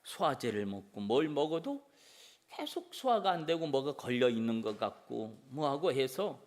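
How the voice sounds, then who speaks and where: A man's voice: medium pitch, sing-song, normal speed. A male pastor giving a sermon in church, telling stories with emphatic, rising peaks.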